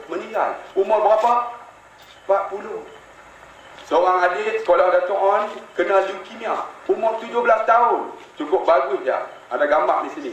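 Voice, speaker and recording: A man's voice: high-pitched, a little hiss or hum. A man preaching a sermon, telling stories and speaking straight to his listeners. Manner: animated storytelling, addresses the audience directly. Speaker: religious preacher. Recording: echoey hall, mic from a distance.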